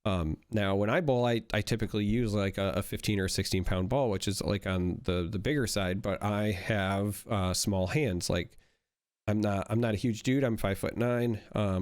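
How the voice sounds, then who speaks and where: A young man chats casually as he opens card packs, rambling with many fillers and restarts, his voice still slightly worn as he recovers from being sick. It's fairly low and darkish, in a dry, clean studio recording.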